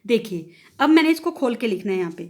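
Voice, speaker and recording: High-voiced woman teaching a class. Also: very animated, a little mellow. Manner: slow, drawn-out demonstration of words for children to repeat. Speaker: primary school teacher. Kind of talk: classroom grammar lesson.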